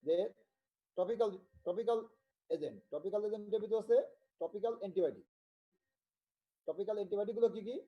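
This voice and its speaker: A man's halting, dull-toned online lecture. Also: sits high. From Bangladesh. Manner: halting, repetitive, with many restarts and check-ins. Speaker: medical lecturer.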